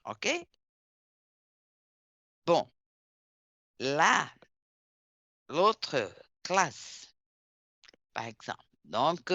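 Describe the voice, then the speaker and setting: A woman teacher, deliberately spelling out words letter by letter during a class. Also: low-pitched, a bit bright, no room sound, highs cut off. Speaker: language teacher. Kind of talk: online class instruction.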